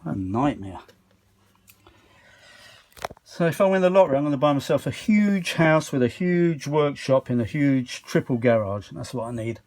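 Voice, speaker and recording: A British hobbyist repairer presents a video from his home kitchen workshop, keeping up casual, unscripted commentary while he works and often muttering asides to himself. His medium-pitched voice is animated and a little mellow, at normal speed, recorded on a handheld phone.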